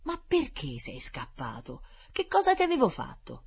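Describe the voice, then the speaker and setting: A storyteller voicing a panicked gentleman who has lost his nose, crying out in high, shrill shouts. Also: huge pitch swings, normal speed, creaky, slightly rough, exaggerated voice. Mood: plaintive.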